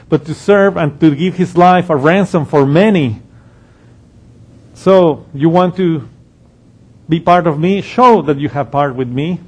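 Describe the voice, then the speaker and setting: A man's voice: on the high side, a little mellow. A man preaching a sermon, explaining scripture verse by verse with frequent restarts and quoted passages. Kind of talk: expository sermon.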